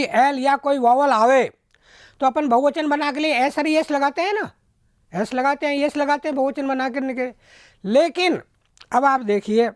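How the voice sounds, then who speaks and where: A man with a strikingly high voice teaches as a spiritual teacher in a devotional discourse. He speaks at an unhurried, measured pace and repeats words to drive each point home. The sound is dry and close. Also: no echo. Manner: slow, deliberate, repeats words for emphasis. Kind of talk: devotional discourse with pronunciation lessons.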